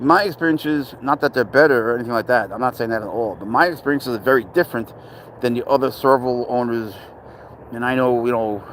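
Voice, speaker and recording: This livestream host, raised in Spain, chats and rambles while reading out viewers' comments and answering chat questions aloud. His voice is mid-range, and the audio is poor, with slight background noise.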